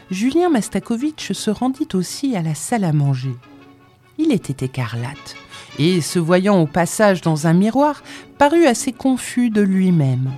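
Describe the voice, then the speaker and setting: Woman narrator for literary audiobook; mellow, animated reading over soft music. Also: fairly low pitch. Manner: measured, expressive storytelling.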